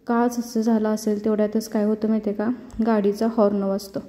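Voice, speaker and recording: Lady doing an anxious young guy, flat dark voice, big reverb. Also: medium pitch, brisk, close to an everyday voice. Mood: worried. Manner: anxious, pleading. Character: worried young man, protective of his fiancée. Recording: long reverb.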